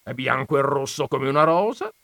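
A man's voice: mid-range voice, animated, moderate pace, vocal fry, a bit bright, no echo, voice pushed up. Man reading stubborn burly priest Don Camillo. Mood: arguing. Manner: pleading and arguing, wheedling protests. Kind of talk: dramatized audiobook reading.

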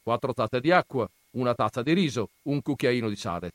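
A domineering old grandfather bellows his judgments, voiced by a male reader. The voice is raised and forceful, declaiming each line for the whole family. The recording is dry and close, with no room sound. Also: medium pitch, animated, brisk, dry recording, pitched above the performer's own voice, natural voice. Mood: gruff, commanding.

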